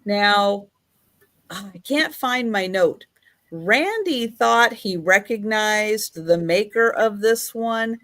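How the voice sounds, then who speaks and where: A woman hosting a live sale as the auctioneer, describing items in an unhurried, chatty, measured way. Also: medium pitch, a bit bright.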